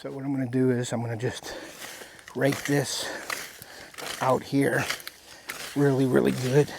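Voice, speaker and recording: A man giving a casual, folksy step-by-step hunting demonstration outdoors while he works, with a tractor rumbling in the background. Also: little pitch movement, unhurried, creaky, noisy background. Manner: folksy, talks while working with his hands. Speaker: hunting how-to presenter. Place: outdoors in the woods. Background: tractor rumbling nearby.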